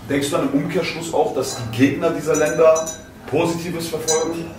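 A man's voice: on the high side, fairly even intonation, brisk, a little mellow, heavy reverb, recorded from a distance. A young man from Iran pressing with questions in a debate, recorded from afar. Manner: probing, questioning. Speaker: rapper, host. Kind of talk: heated debate. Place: studio set with armchairs, indoors.

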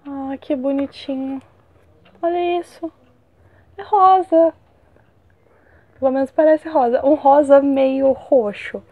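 A young woman vlogging an unboxing, gushing with excited exclamations as she opens gifts. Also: high-pitched, takes it slowly, long pauses, narrow, tinny audio. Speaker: book vlogger. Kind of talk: unboxing vlog.

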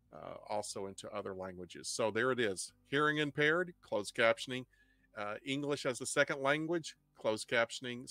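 A middle-aged man with an Ozark Missouri twang hosts an informal online history class. His pitch is average for a man. He explains in a halting way, often repeating and rephrasing, close to the microphone in a dry room. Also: fairly bright tone, no echo. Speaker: host, history teacher. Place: indoor home studio. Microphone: desk microphone up close, headset on.

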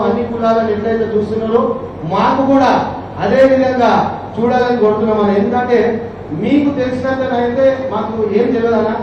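A man's voice: extremely high pitch, dull audio. A man representing a mechanics' association, making an earnest appeal in a public speech at a gathering. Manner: earnest appeal, rising to loud rallying calls. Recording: echoey hall, distant mic, noisy.

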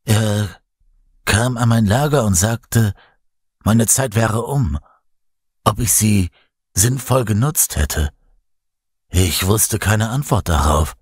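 A man voicing a weak man risen from the dead, with a gurgling, rattling voice and halting speech. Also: lowish voice, husky, dry recording, studio quality.

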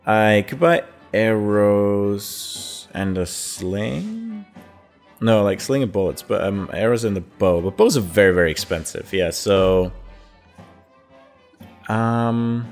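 A man's voice: lowish voice, expressive, takes it slowly, faint music behind. A man giving casual gameplay commentary, thinking aloud in a hesitant way with fillers. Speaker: gamer.

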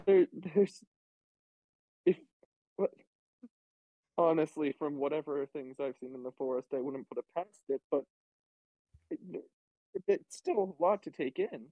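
A man with a somewhat high, dark-toned voice speaks at a measured pace, pausing often and stammering hesitantly. He's a player in a casual, improvised tabletop roleplay held over an online group voice call. The recording is dry, with tinny, band-limited voice-chat audio.

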